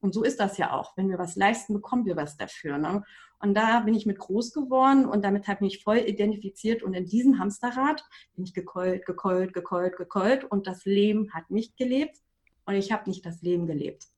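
A woman in her forties, working as a coach, tells her own story with lively emphasis. She talks as a guest in a podcast interview and leans into each point. Her pitch sits in an ordinary middle range. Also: fairly quick. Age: 40s.

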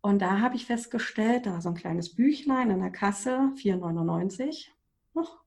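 Animated German-speaking woman in her forties. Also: medium pitch, moderate pace. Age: 40s. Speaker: coach and trainer, podcast guest. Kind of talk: personal storytelling in a podcast interview.

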